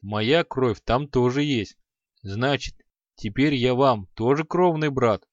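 A man's voice: medium pitch, slow pace, no room sound, natural voice. A man voicing a sardonic chained demon who mocks and grumbles in an audiobook. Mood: sarcastic. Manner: sarcastic, mocking. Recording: slightly dull audio.

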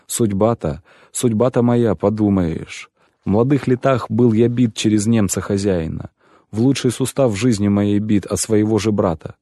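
A man's voice: fairly low pitch, lively intonation, normal speed, mellow, no echo, studio quality. A man voicing a self-pitying grown shoemaker who pleads and laments at length, in an audiobook reading. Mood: lamenting.

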